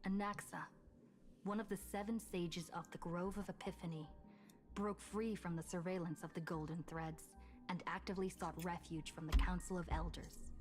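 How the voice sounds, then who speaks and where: A woman voicing a calm young woman who narrates a story recap in a video game, in a measured, steady way. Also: on the low side, close to an everyday voice. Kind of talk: scripted narration. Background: game music.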